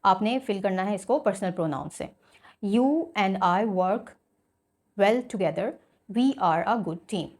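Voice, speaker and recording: A woman's voice: medium pitch, takes it slowly, darkish tone. A woman teacher explaining a school English lesson, reading example sentences aloud and then explaining them in Hindi-Urdu.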